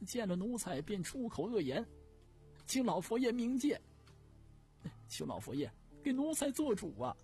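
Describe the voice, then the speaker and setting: A man's voice: very animated, unhurried, pauses often, dark tone, faint music behind, exaggerated voice. A man voicing a sly, fawning eunuch servant who pleads in a raised voice. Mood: pleading. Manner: groveling, pleading, higher voice.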